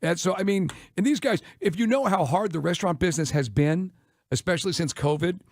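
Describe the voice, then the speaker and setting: Fast-talking, gravelly American radio host, a man. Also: sits high, no room sound, clean studio sound. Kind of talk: casual radio talk. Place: radio studio. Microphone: close broadcast microphone.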